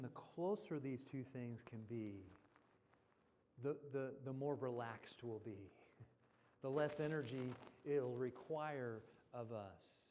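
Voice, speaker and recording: A man speaking at a church seminar in a conversational teaching style, now and then acting out quoted voices. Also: medium pitch. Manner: animated, acts out quoted voices. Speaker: guest speaker. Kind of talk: seminar talk. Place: church hall.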